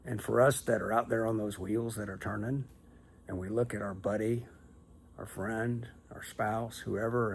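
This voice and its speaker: Middle-aged man, deep-leaning gravelly voice, calm, unhurried, plain-spoken folksy vlog talk, faint noise behind. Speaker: video host and teacher. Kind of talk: casual motivational talk to camera. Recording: some background noise.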